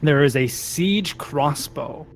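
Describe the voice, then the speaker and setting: A man running a tabletop role-playing game as game master, reading scene descriptions in a measured way between casual table talk. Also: a little high, slight background noise.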